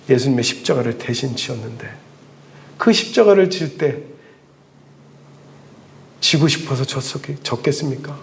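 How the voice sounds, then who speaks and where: A man preaching a sermon as a pastor in church, telling the story with animated delivery and dramatic pauses. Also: on the high side.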